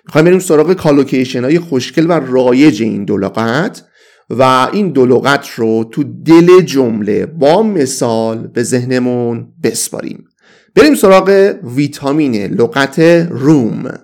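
A man teaching an English vocabulary lesson, slowly repeating each example sentence. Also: medium pitch, darkish tone. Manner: slow, deliberate repetition of example sentences.

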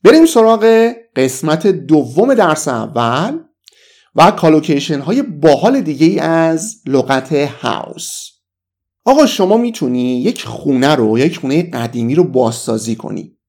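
A man with a Persian accent teaching English vocabulary in a casual, enthusiastic lesson, saying the English phrases slowly. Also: on the high side, sing-song, a little mellow.

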